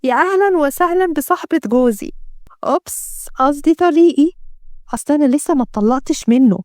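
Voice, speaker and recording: A woman's voice: high-pitched, lively intonation, fast, a little mellow, no echo, clean studio sound. A woman with an Egyptian accent voicing a cruel, scheming young wife who taunts her captive in a sneering, mocking way. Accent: Egyptian Arabic.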